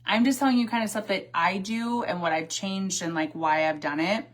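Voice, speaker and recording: A woman in her forties hosts a livestream while doing her makeup, chatting casually at a moderate pace in a mid-range voice. She's sassy and talkative, answers viewer comments, and laughs often.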